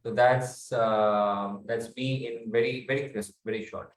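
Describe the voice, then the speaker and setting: A man from South India with an Indian accent, answering interview questions earnestly with many fillers and pauses. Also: medium pitch, fairly even intonation. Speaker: guest author and researcher. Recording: roomy echo.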